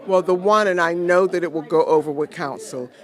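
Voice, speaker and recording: A woman's voice: fairly low pitch, fairly quick. A woman giving an earnest, emphatic interview to a reporter on election night. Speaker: interview guest.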